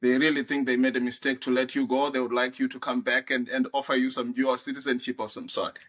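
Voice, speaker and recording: A man's voice: medium pitch, flat delivery, quick pace, fairly bright tone. A man hosting an interview podcast, talking in a casual, friendly way with lots of hesitation and restarts. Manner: hesitant, many fillers and restarts, friendly laughs. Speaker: podcast host.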